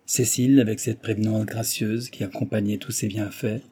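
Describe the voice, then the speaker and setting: Dark, husky male audiobook narrator. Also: fairly low pitch, steady tone, normal speed. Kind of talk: scripted literary narration.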